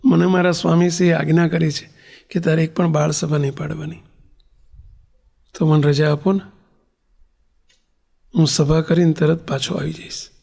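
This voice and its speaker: A man's voice: a little high, level tone, moderate pace, vocal fry, pauses often, darkish tone. A man voicing a feverish boy begging. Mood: pleading. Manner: tearful pleading. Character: feverish young boy pleading to attend.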